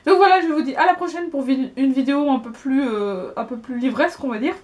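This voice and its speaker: A woman in her twenties with a high voice talks casually through a haul video. She is chatty and hesitant, often restarting and repeating words as she goes. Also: a little fast. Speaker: book vlogger.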